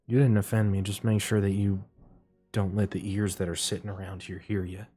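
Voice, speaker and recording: A man voicing a flirty, nervous wood elf courtesan woman who talks in a hushed, secretive way. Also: extremely low pitch, little pitch movement, a little fast, husky. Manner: hushed, secretive, sometimes snappish.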